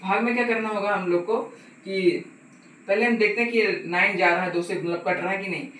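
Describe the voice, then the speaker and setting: This math tutor is a man whose voice is high and bright, and he moves at a brisk clip through a casual step-by-step lesson. Patiently, he keeps repeating "ठीक है" and questioning the viewer. His voice comes from a distance in an echoey room, with faint hiss.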